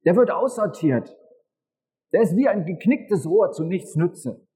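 A man preaching a casual, animated sermon at a church service, talking to the congregation with a husky voice. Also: a little slow, low-quality recording. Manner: lively, animated preaching with dramatic pitch swings. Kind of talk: children's-style sermon with a prop window.

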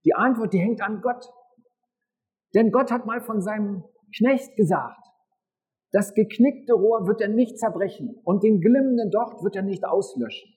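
A man preaching a casual, animated sermon at a church service, talking to the congregation with a husky voice. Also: unhurried, low-quality recording. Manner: lively, animated preaching with dramatic pitch swings. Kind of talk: children's-style sermon with a prop window.

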